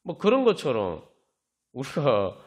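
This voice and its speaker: A man's voice: medium pitch, huge pitch swings, a little slow. A male pastor giving a conversational sermon at a prayer meeting, often acting out sample prayers in quoted voices.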